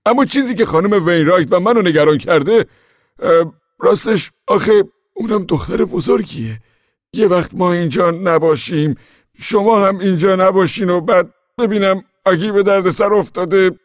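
A man's voice: high-pitched, dry recording, studio quality, pitched above the performer's own voice, close to an everyday voice. A man voicing an anxious middle-aged father who pleads earnestly with a neighbor, in an audiobook. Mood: worried, pleading. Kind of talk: audiobook character reading.

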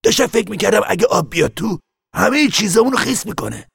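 A man voicing an eager, practical young farm lad who talks in quick, earnest bursts. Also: high voice, very animated, gravelly, fairly bright tone, husky, dry recording, clean studio sound, voice pushed up, exaggerated voice.

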